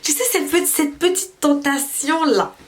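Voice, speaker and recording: A woman's voice: sits high, moderate pace, a little hiss or hum. A young woman, telling a confessional story to her viewers and acting out the voices of everyone in it. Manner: lively, confessional, acts out every quote, laughs often. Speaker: vlogger. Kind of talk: casual storytelling to camera.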